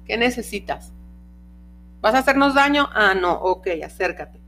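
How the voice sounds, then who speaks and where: A woman's voice: mid-range voice, expressive, a little slow, fairly bright tone, slight background noise. Brief: self-assured guard dog, wary and firm with strangers, voiced by a woman. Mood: wary protective. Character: protective confident adult guard dog.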